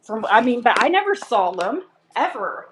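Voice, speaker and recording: A woman's voice: a little high, sing-song, moderate pace, fairly bright tone, a little hiss or hum. A woman chatting casually and bluntly to viewers on a livestream, rambling in a gossipy, sweary way.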